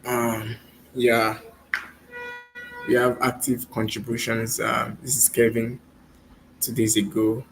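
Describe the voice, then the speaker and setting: A man's voice: mid-range voice, level tone, slow pace, gravelly, long pauses, fairly bright tone, faint music behind, low-quality recording. A man chatting on a video call, his audio choppy and breaking up, talking hesitantly with lots of ums and likes as a developer co-hosting a livestream. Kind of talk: casual chat over a video call.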